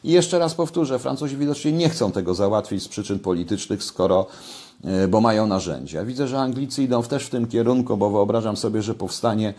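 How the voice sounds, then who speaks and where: An older man with a fairly low voice talks casually into a webcam at home. He speaks conversationally and lifts his voice when stressing a point. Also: fairly quick, dark tone. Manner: conversational, rising emphasis on key points. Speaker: commentator. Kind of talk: casual commentary to camera. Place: home kitchen, indoors. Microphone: webcam at desk.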